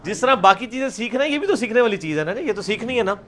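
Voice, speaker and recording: A man's voice: high voice, expressive. A man teaching Quranic pronunciation, drilling letters aloud in a live class. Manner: drills letters by repeating them loudly, mixing Punjabi into Urdu. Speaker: religious teacher.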